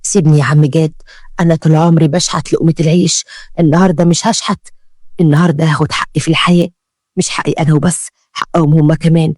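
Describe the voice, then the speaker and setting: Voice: medium pitch, flat delivery, quick pace, a little mellow, no echo, studio quality, lightly acted. A storyteller with an Egyptian accent voicing a stubborn poor woman who digs graves, pleading and determined. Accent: Egyptian Arabic.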